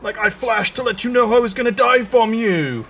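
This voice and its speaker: A man putting on a high, shouting voice as an angry German racing driver who swears at others to get out of his way. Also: normal speed, a little hiss or hum.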